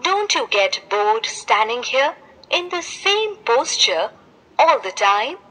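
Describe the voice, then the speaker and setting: A woman's voice: on the high side, sing-song, slow, bright, forceful tone, full character voice, low-quality recording. A woman voicing a young, curious female butterfly in a children's story. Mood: wistful, curious.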